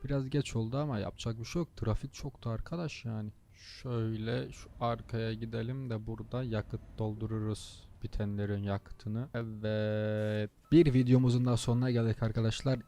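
A man's voice: lowish voice, level tone, a little fast, few pauses, mellow. A tired young man hosting a gaming channel, chatting casually while he plays and grumbling at the traffic, swearing under his breath. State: tired, low on energy. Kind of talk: casual gameplay commentary.

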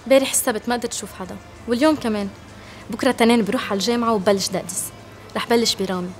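Woman doing a lebanese student girl, rattles off plans fast. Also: a little high, fairly even intonation, faint music behind, lightly acted. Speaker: university student. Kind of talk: TV drama acting.

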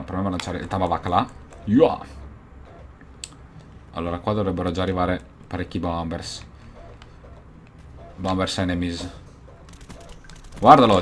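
A young gaming YouTuber commentates on gameplay in a low-pitched voice, excitable and swearing, with occasional bursts of shouting. A slight hiss or hum is audible.

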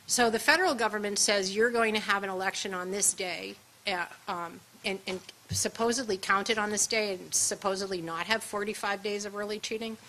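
A woman's voice: mid-range voice, a little fast, pushed and bright, a little hiss or hum, low-quality recording. A woman giving a conversational seminar presentation with emphatic asides. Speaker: seminar speaker. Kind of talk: luncheon presentation. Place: event room at a seminar.

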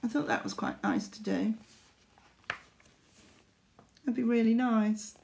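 A woman's voice: on the high side, big pitch swings, moderate pace, creaky, darkish tone, slight background noise. A middle-aged woman, chatting casually to camera in a hesitant, rambling way, recorded at arm's length in a living room. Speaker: needlework vlogger. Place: small living room indoors.

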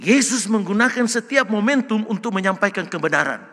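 An older male pastor preaching a sermon in a church, loud and joking, often asking the congregation questions. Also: high voice, expressive, a little fast. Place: church sanctuary. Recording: long church hall reverb.

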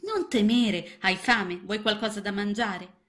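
A woman's voice: medium pitch, unhurried, fairly bright tone, pitched above the performer's own voice, natural voice. A woman voicing a motherly middle-aged female frog, a fussy, doting housewife who bustles about.

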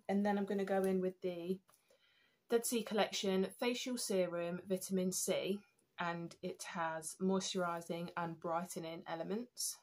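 A young British woman, her nose slightly stuffy, talks through her skincare routine at home as a beauty vlogger, chatting casually with plenty of ums and restarts. Her mid-range voice is a little mellow.

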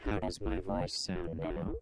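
A man demonstrating audio software, speaking through a ring-modulator voice changer effect in a plain, instructive way. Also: low-pitched, steady tone, unhurried, vocal fry, over a noisy crowd. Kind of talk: tutorial demonstration.

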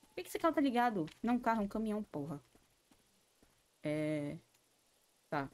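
A woman's voice: medium pitch, very animated, moderate pace, darkish tone. Scared Brazilian woman streaming a horror game. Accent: Brazilian Portuguese. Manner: jumpy and scared, swearing often, talking to herself. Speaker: gaming streamer. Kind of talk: live gaming commentary.

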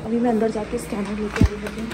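Young woman, from India, truck driver, casual vlog, chatty, phone camera, truck cab and yard, loud engine noise. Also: mid-range voice, level tone, a little fast. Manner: chatty, mixes English words into Hindi. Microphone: phone camera, held or mounted. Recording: loud outdoor and vehicle noise. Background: loud traffic and engine noise.

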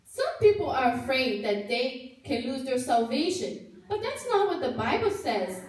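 A woman voices a cheerful, helpful girl puppet in a church puppet show, patiently explaining things in a high, very animated voice with a darkish tone and measured pace. A far-off camera captures her in a very echoey hall.

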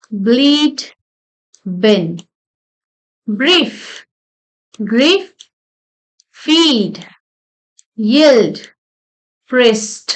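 A woman teaching English pronunciation, saying words one at a time in slow, deliberate drills with short explanations. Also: sits high, a bit bright. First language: Marathi. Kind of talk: pronunciation lesson reading word lists.

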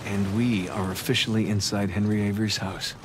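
A man's voice: on the low side, level tone, fairly quick, noisy background, close to an everyday voice. A man playing a wry, teasing treasure hunter in a naturalistic video game performance. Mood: wry, amused. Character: wry adventurous male treasure hunter, climbing through ruins.

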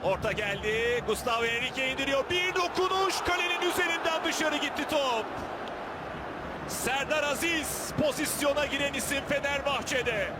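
Male football commentator, very high excited pitch, screaming delivery at chances, over loud stadium noise. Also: moderate pace. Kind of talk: live football match commentary. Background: stadium ambience.

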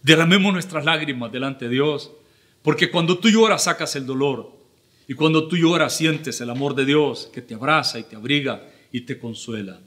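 A middle-aged man, preaching an earnest, measured sermon with pauses as pastor. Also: a little high, a bit bright. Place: church livestream.

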